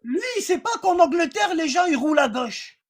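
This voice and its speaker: High-pitched woman talking in French street slang. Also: expressive, moderate pace, slight background noise. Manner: repeats phrases and checks understanding with rhetorical questions. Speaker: religious teacher on a livestream. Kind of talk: informal live religious lesson, explanatory.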